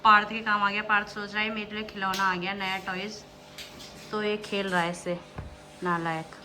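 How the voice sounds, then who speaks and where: A woman's voice: mid-range voice, level tone, normal speed, pushed and bright, a little hiss or hum. A young woman from India with a Pahari Hindi accent, vlogging casually at home with a phone camera, chatting and cooing at her toddler.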